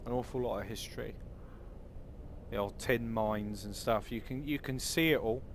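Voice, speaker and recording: A man's voice: medium pitch, moderate pace. A man from Cornwall with a Cornish accent, chatting in an easygoing, rambling way as he livestreams a game. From Cornwall, southwest England. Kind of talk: casual chat over gameplay. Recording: clear background vehicle noise.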